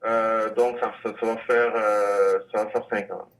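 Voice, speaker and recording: A man's voice: lowish voice, level tone, unhurried, fairly bright tone, far from the mic, low-quality recording. A man from Congo, director of a language school, answering radio interview questions with many fillers and restarts.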